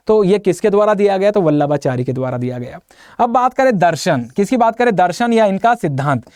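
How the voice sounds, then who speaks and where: A man's voice: high-pitched, dry recording, clean studio sound. A man teaching an exam-prep lecture, keeps asking his students questions and answering them himself, with playful memory tricks. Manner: lively, uses memory tricks and jokes.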